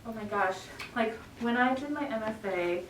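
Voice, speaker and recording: At a bookshop reading event, a woman poet introduces her reading in an informal, chatty, self-deprecating way. Her voice is on the high side, expressive, and moderately paced. The room is echoey and noisy, and the mic is distant.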